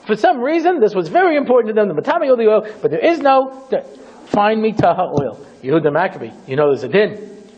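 Animated husky rabbi storytelling. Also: male voice, high voice, quick pace. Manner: dramatic, theatrical, acts out scenes. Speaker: rabbi teaching a class. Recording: dull lo-fi recording.

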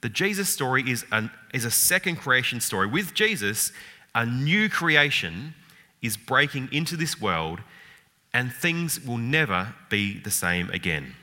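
In a hall with long reverb, this Bible teacher speaks a little slowly but very animatedly, his mid-range voice carrying a sharp edge. The informal lecture is thoughtful yet peppered with fillers, restarts and rhetorical questions.

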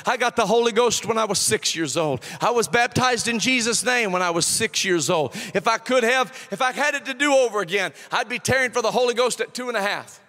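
A man in his forties preaching a sermon, swinging from impassioned shouting and half-sung lines to soft, low, confiding passages. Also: a little fast, hardly any pauses. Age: 40s.

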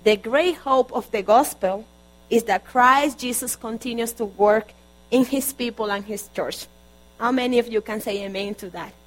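Sermon voice: Colombian woman, Spanish native, fairly high voice, earnest with many restarts, faint hum behind. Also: normal speed, rough recording. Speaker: guest preacher.

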